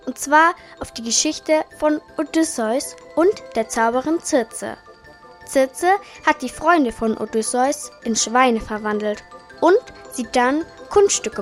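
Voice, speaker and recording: High-voiced woman reading quiz answers slowly. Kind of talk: scripted reading.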